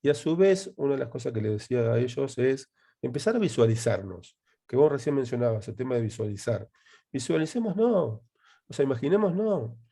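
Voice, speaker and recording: A man's voice: mid-range voice, lively intonation, fairly quick, vocal fry, warm tone, husky. An Argentine man, a university lecturer hosting an interview, agreeable and emphatic as he talks. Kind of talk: casual conversation.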